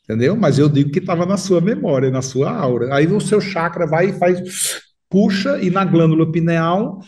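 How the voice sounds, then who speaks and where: A man with a Paraíba Northeast Brazilian accent tells his life story in a casual interview. His voice sits high and swings widely, and he acts out the people he quotes. He is recorded a little away from the microphone. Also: expressive, moderate pace, darkish tone, far from the mic.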